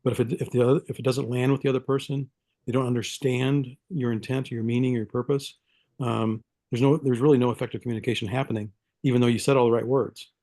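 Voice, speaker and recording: A man's voice: mid-range voice, fairly even intonation, fast talker, dark tone, no room sound, studio quality. A man co-leading a talk on communication, adding to his partner's point in an affirming way. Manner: affirming, builds on the other speaker's point.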